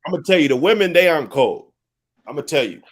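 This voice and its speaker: A man's voice: a little high, animated, quick pace. A man hosting a live call-in talk stream in casual chat, loose with slang and repeating his phrases to hype the room.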